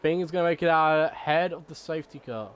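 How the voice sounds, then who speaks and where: A man commentating a sim racing league race, excitable at big moments and later deliberately subdued. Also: fairly high pitch, clean tone, dull audio.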